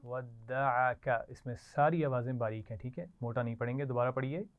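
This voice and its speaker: A woman teaching Quran recitation to children, modelling each word slowly for the class to repeat. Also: a bass voice. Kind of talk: slow call-and-response recitation lesson. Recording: tinny lo-fi online class audio.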